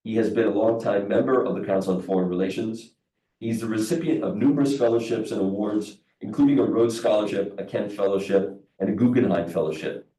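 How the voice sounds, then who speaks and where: A low, mellow man speaks as a seminar host, his voice muffled by a face mask and a little sniffly. He introduces in a halting, semi-formal way. The room is echoey and the microphone sits at a distance. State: sniffly with a cold. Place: seminar room with a seated audience.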